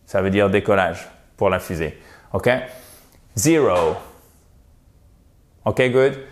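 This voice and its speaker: A man's voice: sits low, a little hiss or hum. A man teaching a pronunciation lesson, repeating words in careful drills and speaking straight to his viewers with a light teasing tone. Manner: slow, drilled repetition with pauses; addresses viewers directly and teasingly. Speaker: English teacher.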